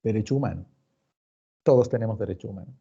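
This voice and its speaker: This man, a Chilean law professor, teaches an online class in an informal, didactic way, speaking fast with a lowish, warm, slightly rough voice. He is emphatic, repeats words, and often poses questions and then acts out both the questions and the answers. The recorded online meeting sounds dull and muffled.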